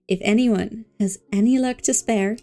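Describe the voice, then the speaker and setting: In a relaxed gaming stream, a woman banters with viewers, saying words over and over and stretching them. Her medium-pitched voice is warm and steady, moving at a normal speed.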